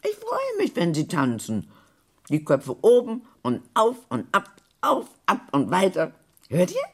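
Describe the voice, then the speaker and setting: A woman's voice: on the low side, wildly swooping pitch, a little slow, slightly rough, exaggerated voice. An actress playing Rosalie, a dreamy woman who invents whole worlds, in a surreal radio play, musing and half-absent.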